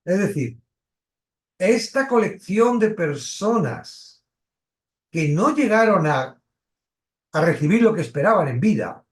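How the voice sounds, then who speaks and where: A man's voice: high voice, very animated. A man from teaching a Bible study, asking questions and stressing key words. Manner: questioning, emphatic, pauses and restarts.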